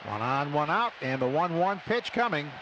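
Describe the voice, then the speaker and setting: An American man works the stadium booth, calling baseball play-by-play live on radio. He speaks on the high side at a normal speed with big pitch swings, and the muffled broadcast carries heavy ballpark ambience.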